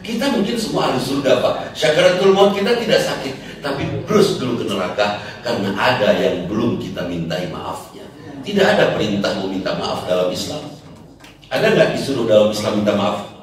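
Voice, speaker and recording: An Islamic preacher delivers a humorous sermon in a fairly low, expressive voice at a brisk pace, telling jokey stories and throwing rhetorical questions at the congregation. The recording is from an echoey hall with a distant mic and a crowd, and audience laughter can be heard.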